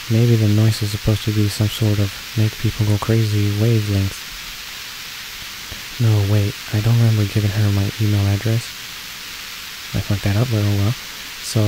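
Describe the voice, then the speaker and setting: On a very noisy recording, a man with a lowish voice reads visual novel text aloud for a let's play. Game music plays behind him, and he sometimes stumbles over words.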